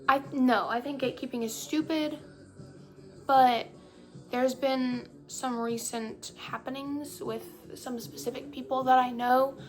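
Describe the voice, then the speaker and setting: A young woman vlogging to her phone, chatty and rambling, cutting herself off often, talking with a put-on valley-girl inflection. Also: sits high. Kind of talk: casual chat to camera. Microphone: phone camera. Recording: phone recording with faint music behind. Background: faint music playing.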